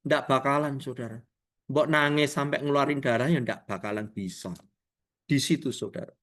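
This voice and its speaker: A man preaching a sermon over a video call, animated, swinging from low asides to loud exclamations and addressing listeners as brothers and sisters. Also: normal speed. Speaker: evangelist preacher.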